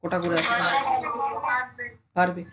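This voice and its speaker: Over a noisy background, a medium-pitched teacher leads a relaxed online lesson, talking to students in a familiar way. She keeps asking if everyone is keeping up and breaks words into syllables slowly, one by one.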